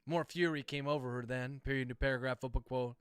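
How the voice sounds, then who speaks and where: A man's voice: medium pitch, fast, clear, resonant tone, no echo. Man dictating a story with spoken punctuation. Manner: speaks punctuation aloud in a steady dictating cadence. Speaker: narrator dictating a novel. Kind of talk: dictating prose aloud.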